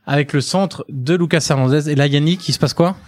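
A man's voice: on the high side, fairly quick, a little mellow. A man hosting French sports commentary, talking through match action conversationally and prompting his fellow pundits. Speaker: host leading a football discussion.

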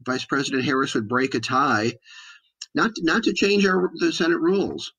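American male expert guest, medium pitch, emphatic and halting political explainer. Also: fairly bright tone, poor audio.

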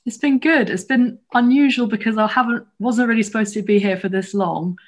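A woman's voice: a little high, a little fast. A woman in her twenties with a southern English accent, talking casually as a guest in an interview. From England, grew up in London and Bath. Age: 20s. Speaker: podcast guest, athlete. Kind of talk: casual chat.

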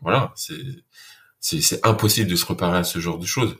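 A lower-pitched man speaks earnestly, pausing often and restarting his sentences as he recounts harsh military training. His delivery is casual and conversational, the way a guest talks in an interview. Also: a bit bright. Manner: earnest, many fillers and restarts. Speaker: guest, former soldier.

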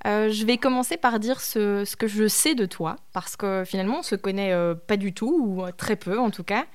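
A podcast host with a mid-range voice and moderate pace reads a scripted introduction, then carries on a casual phone interview, keeping her tone informal and conversational throughout.

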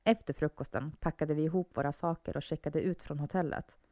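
A woman narrating a first-person horror story in a calm, measured reading voice. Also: low-pitched, no echo, studio quality.

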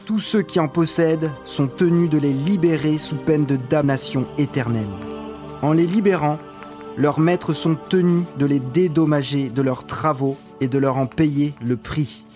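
A man's voice: fairly high pitch, a little slow, lightly acted. A man playing an indignant seventeenth-century missionary priest, reading historical writings in a solemn, declamatory way over music. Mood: solemn insistence.

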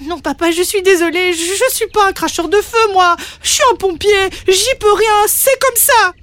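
A woman's voice: very high voice, normal speed, fairly bright tone, no echo, voice pushed up. A woman voicing a timid young boy dragon who stammers and pleads, in a storybook reading. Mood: pleading.

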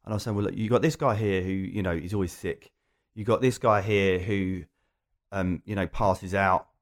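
A man's voice: sits low, steady tone, moderate pace. A man with an Essex accent telling anecdotes in a casual chat, in a rambling, jokey way. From Essex, England. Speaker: podcast guest.

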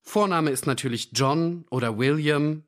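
A man's voice: a little high, unhurried, a bit bright, pitched above the performer's own voice. A man voicing an irritable police desk sergeant who talks in a dry, sarcastic way.

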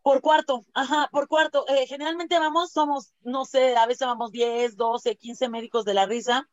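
A laughter-doctor guest with a Mexican accent tells animated stories in a casual interview, often acting out quotes and filling her speech with tag questions and fillers. She has a high voice at a normal speed, recorded dry with a lo-fi sound.

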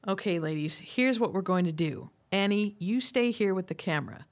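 A woman playing a bossy police officer in a sitcom radio play, giving brisk orders. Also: mid-range voice, expressive, lightly acted. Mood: commanding.

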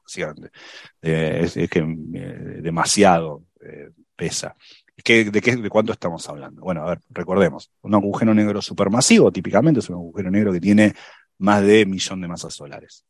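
Low-voiced man explaining science, dry sound. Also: no room sound. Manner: thinks aloud with many fillers and restarts. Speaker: science podcast panelist. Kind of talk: casual explanatory chat.

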